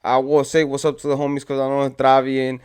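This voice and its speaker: A man's voice: mid-range voice, completely flat delivery, fast talker, darkish tone, smooth. A man telling a story from his own past in casual street slang, rambling and acting out what his friends said. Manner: rambling, slang-heavy, acts out friends' quotes.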